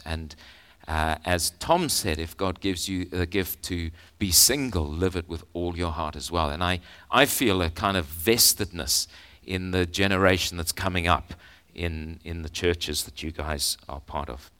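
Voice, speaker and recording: A man preaching a sermon as pastor, earnest and halting with frequent fillers, reading scripture aloud with slow emphasis. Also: deep voice, fairly bright tone, clean tone.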